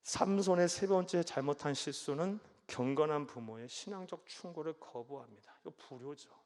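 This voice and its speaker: A man's voice: on the high side, moderate pace, darkish tone. A man preaching in a church sanctuary, his slightly raised voice carrying a long hall reverb. He preaches with emphasis, acts out the voices of people in the story, and keeps asking the congregation questions. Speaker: pastor. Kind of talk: sermon.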